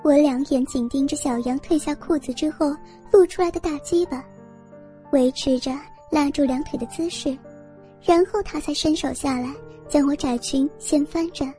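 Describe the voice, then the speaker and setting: High-voiced woman reading a story. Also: moderate pace, mellow, soft background music. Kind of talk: first-person story narration.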